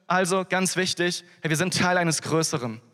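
A man preaching a sermon to his congregation in a conversational way, often turning to the listeners with quick asides. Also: sits high, a bit bright, long reverb tail. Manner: conversational, addresses the congregation directly with frequent "hey" and "ja". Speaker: pastor.

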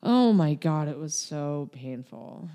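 Candid rambling young woman, mellow voice. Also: low voice, expressive, slow. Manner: rambling, filler-heavy, candid. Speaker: podcast guest. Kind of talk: casual chat. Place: LA area.

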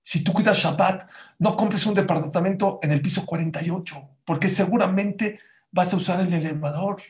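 Emphatic high-voiced rabbi preaching. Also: male voice, normal speed. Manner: emphatic, preachy, addresses the audience directly with rhetorical questions; mixes in Hebrew religious terms. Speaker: rabbi teaching a Torah class. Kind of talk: Spanish-language Torah sermon. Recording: roomy echo.

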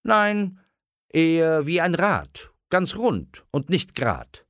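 A man's voice: fairly high pitch, wildly swooping pitch, takes it slowly, fairly bright tone, no room sound, studio quality, pitched above the performer's own voice, heavily acted. A man voicing a playful aunt who talks in rhymes, in a raised sing-song voice. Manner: sing-song, rhyming, teasing. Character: cheerful rhyming aunt, playful grown woman.

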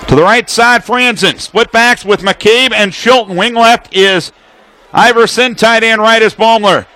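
A high, sharp-toned male voice handles live radio play-by-play of football. The announcer fires off situational detail rapidly, in clipped phrases that track the action.

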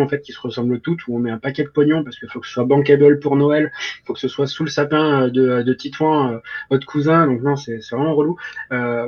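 Give me a slightly husky Frenchman, casually reviewing. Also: medium pitch, highs cut off. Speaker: video game columnist. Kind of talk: casual game review chat.

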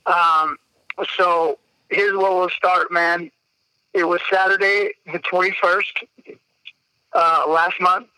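A man's voice: sits high, flat delivery, takes it slowly, long pauses, sharp tone, smooth, no echo, poor audio. A man in his thirties hosting a podcast, telling a story in a casual, profane way. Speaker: podcast host.

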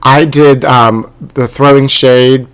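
Campy male comic host, mid-pitched, recorded inside a closet. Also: steady tone, slow, fairly bright tone, smooth. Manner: campy, calls people honey. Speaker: podcast host and comedian. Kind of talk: casual comedic chat.

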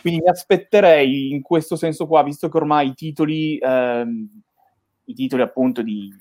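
A man's voice: fairly high pitch, moderate pace, a little mellow, no room sound. A man giving his opinions casually in a gaming talk, in a rambling way with frequent checking tags, speaking into a close microphone. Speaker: panelist on a video game talk show.

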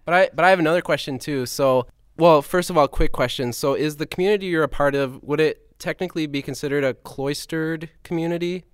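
A man's voice: a little high, brisk, hardly any pauses, clear, resonant tone, no room sound. Easygoing male co-host, very dry sound. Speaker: podcast co-host. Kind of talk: casual conversational interview.

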